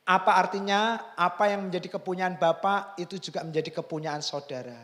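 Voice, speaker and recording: A man's voice: high voice, fairly quick, fairly bright tone, long reverb tail. A male pastor preaching a sermon in a church, dramatic and full of call-and-response. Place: church hall.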